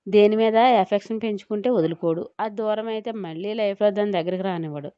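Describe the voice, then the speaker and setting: A woman's voice: medium pitch, fast talker, warm tone, clear, resonant tone, no room sound, close to an everyday voice. A woman voicing a chatty, confiding middle-aged aunt in an audio story, on a slightly dull recording.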